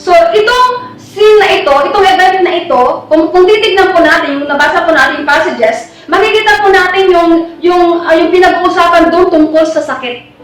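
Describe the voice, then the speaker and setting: Woman preacher, high voice, halting delivery with repeats, recorded far from the mic in a very echoey hall with faint music. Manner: halting, repeats and restarts words, reads scripture slowly. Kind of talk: sermon mixing Tagalog and English. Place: church hall.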